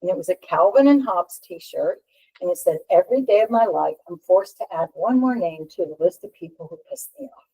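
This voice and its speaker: A middle-aged woman with a somewhat low voice tells a personal story in a relaxed, conversational way. She is animated and laughs often, and she acts out the voices of people in her story. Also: fairly quick, breathy edge, rough recording. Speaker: featured healer guest.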